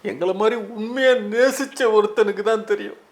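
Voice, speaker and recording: A man's voice: sits high, brisk. A man with a Tamil accent, a film director in an interview, talking through tears and pleading. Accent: Tamil Nadu. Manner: tearful and pleading, voice breaking while talking. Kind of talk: emotional interview answers.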